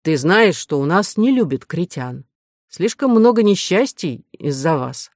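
A polite but stubborn young male hero from an audiobook, as a woman reader plays him. His speech is measured and placating, kept in a lowish register. The voice is dry and close. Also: sing-song, a little mellow, no echo, full character voice. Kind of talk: audiobook character voice.

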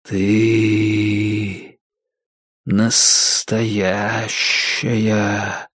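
Man doing a whispered role-play, sly haunted temple voice, slow drawn-out mocking whisper, low and hushed, dry close sound. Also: completely flat delivery, slightly rough, no room sound, exaggerated voice.

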